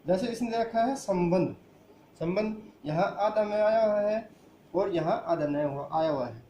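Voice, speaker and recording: A man's voice: high-pitched, unhurried, mellow, reverberant, slight background noise. A man teaching a grammar lesson who asks the class questions and answers them himself. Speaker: school teacher.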